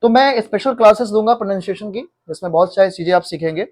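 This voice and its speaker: A man's voice: high voice, fast talker, darkish tone. A man, teaching a pronunciation class and often quizzing his students. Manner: repeats words and quizzes students. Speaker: English teacher. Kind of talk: classroom lesson.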